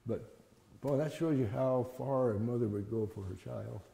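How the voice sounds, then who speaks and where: An older man telling childhood memories in a plain-spoken, folksy, halting interview style. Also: medium pitch, vocal fry, dark tone. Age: older, 70s or above. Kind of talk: conversational oral-history storytelling. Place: reverberant indoor room. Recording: echoey room with long reverb.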